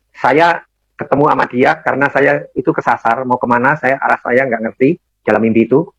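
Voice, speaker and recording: An older man tells his personal testimony slowly and repeats himself often, with many fillers. The voice has a middle pitch. The recording sounds dull and dry, with a muffled lo-fi tone. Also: slightly rough, no room sound. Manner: rambling, repetitive storytelling with many fillers. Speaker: testimony speaker.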